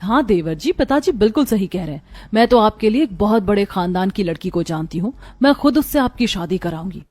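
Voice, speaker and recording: A woman's voice: mid-range voice, animated, a little fast, darkish tone, no echo, close to an everyday voice. A woman voicing a sly, snobbish elder sister-in-law who talks conspiratorially. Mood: scheming.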